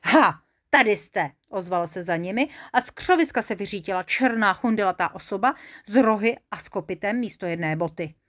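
A woman narrating a children's story in a lively, playful way. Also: medium pitch.

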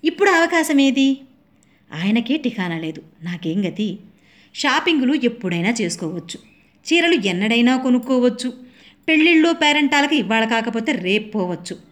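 A middle-aged woman reading a humorous story aloud with dramatic, expressive delivery. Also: a little high, normal speed. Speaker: narrator.

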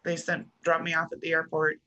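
A middle-aged American woman telling a personal story as a podcast guest, halting and restarting often with soft trailing pauses. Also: low voice, monotone, lo-fi sound. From United States.

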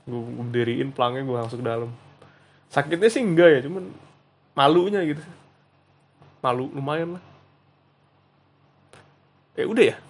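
A man's voice: mid-range voice, moderate pace, pauses often. Chatty young man. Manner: chatty, slangy, laughs at own stories. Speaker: podcast host. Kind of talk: casual solo storytelling.

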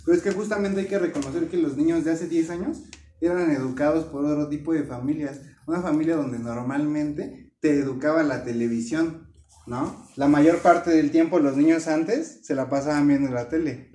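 Mellow-voiced man, off-mic in echoey room. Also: fairly high pitch. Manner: measured, reasoning aloud. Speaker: podcast guest. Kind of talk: casual podcast discussion. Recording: distant echoey room with faint noise.

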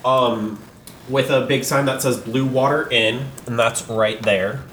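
A man narrating as game master, relaxed and loose, with many fillers. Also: medium pitch, measured pace, reverberant, slight background noise.

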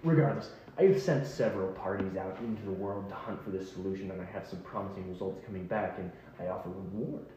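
A man's voice: sits low, fast talker, hardly any pauses, warm tone, heavy reverb, natural voice, poor audio. A man voicing a scheming king who wants to be immortal and speaks in formal, courtly phrases. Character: scheming king seeking immortality, smooth and threatening.

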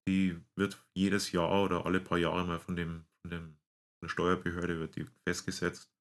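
A middle-aged man, a guest explaining US retirement investing, speaks with a Bavarian German accent tinged with American. His voice sits low and is monotone at a moderate pace. He explains casually, often searching for words and slipping into English.

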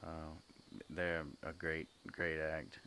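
A man with a very deep voice talks casually about the festival he helps organize. He drifts through fillers and restarts and stays relaxed. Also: slight background noise. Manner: laid-back, halting, many fillers and restarts. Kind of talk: casual podcast chat.

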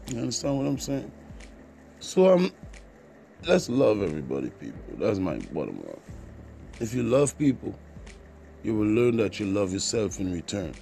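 On his informal solo podcast, a Caribbean-accented host from Trinidad and Tobago, partly Jamaican too, preaches earnestly and repeats himself to drive points home. The voice sits lowish, creaky and warm, over slight background noise.

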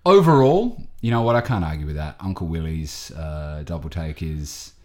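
A man's voice: rumbling low, expressive, moderate pace. A man co-hosting a podcast, chatting casually and telling stories. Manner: storytelling, puts on voices for quotes. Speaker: podcast co-host. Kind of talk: casual chat.

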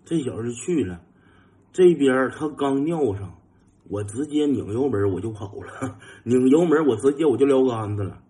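A young man with a Northeastern Mandarin accent spins a casual anecdote at a mid-range pitch. He keeps it lively, imitating engine sounds and breaking into chuckles as he goes. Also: normal speed. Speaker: storyteller.

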